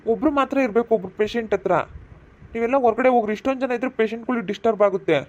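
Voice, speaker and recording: A man playing a brisk, stern doctor. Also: very high voice, darkish tone, dull audio. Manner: firm, scolding, orders people out.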